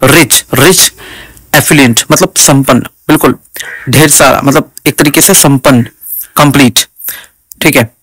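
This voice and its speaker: A man's voice: medium pitch, measured pace, long pauses, a bit bright, husky, no room sound. A male teacher with an Indian English accent runs an exam vocabulary lesson, glossing each English word in Hindi and checking in with "theek hai" after each one.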